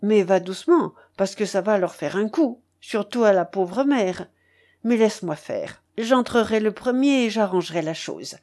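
A woman's voice: mid-range voice, lively intonation, normal speed, darkish tone, close to an everyday voice. A woman voicing a kindly, talkative old peasant man on crutches in an audiobook, fatherly and bustling. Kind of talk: audiobook character reading.

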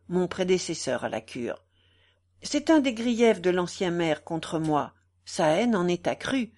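A woman's voice: fairly low pitch, a little mellow. A woman reading a grave village priest. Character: grown male village priest, grave and bitter.

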